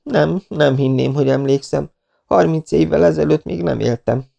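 A man reading an audiobook, voicing a composed young woman with a calm, gently firm and slightly teasing manner. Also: on the high side, creaky, voice pushed up. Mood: ironic. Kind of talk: audiobook character voice.

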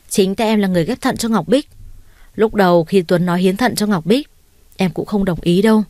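A woman's voice: on the low side, a little mellow, no room sound, lightly acted. An eager young male doctor in an audio story, polite and keen to please. A woman voices him without changing her voice. The sound is dry and close.

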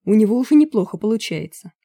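A woman's voice: mid-range voice, lively intonation, fast, dark tone, dry recording, clean studio sound, pitched above the performer's own voice. A woman voicing a snide, joking man among colleagues. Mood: reassuring. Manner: snide, mocking.

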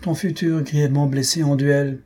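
A man voicing an irritable, easily angered middle-aged father in an audiobook, with a husky, dark voice. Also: mid-range voice, lively intonation, brisk. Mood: agitated. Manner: gruff, agitated.

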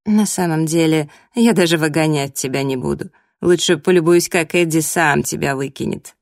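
A woman's voice: low voice, normal speed, no echo, clean studio sound. A woman voicing a haughty, mocking young woman, the jealous ex-fiancée in an audiobook, who talks down with sneering sarcasm. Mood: sarcastic. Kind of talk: audiobook character voice.

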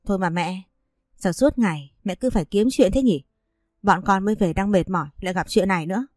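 A woman's voice: mid-range voice, a little fast, darkish tone, no echo, studio quality, close to an everyday voice. A woman voicing an earnest young husband who pleads with his mother to defend his wife. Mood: pleading.

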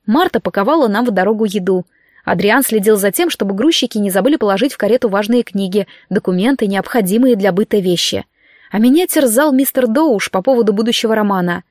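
A woman narrating an audiobook in the first person, lively and lightly ironic, on a close mic. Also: mid-range voice, quick pace, no echo.

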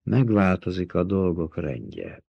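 A man reading the part of a tough, proud desert chieftain who speaks gruffly and mutters. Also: sits low, sing-song, dry recording, heavily acted. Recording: dull, dry recording.

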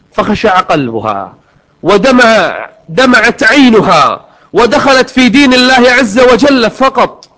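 Male preacher with a very high voice, earnest, draws recited verses out slowly. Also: fairly bright tone, rough recording. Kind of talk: sermon.

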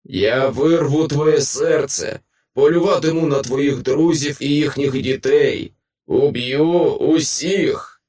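A man voicing a vicious, gloating nightmare spirit in snarling, drawn-out shouts. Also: on the high side, voice pushed up.

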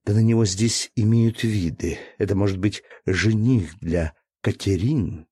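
A man's voice: on the low side, unhurried, husky, dry recording, studio quality. A man reading a novel aloud and voicing a sly young woman who speaks in a half-whisper with an ironic edge. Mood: sly, hushed. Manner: hushed, ironic.

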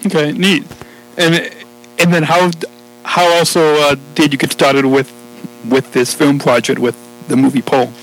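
Halting male podcast host. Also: on the high side, level tone, slight background noise, poor audio. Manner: hesitant, heavy with "uh" and "um" fillers. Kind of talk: casual podcast interview.

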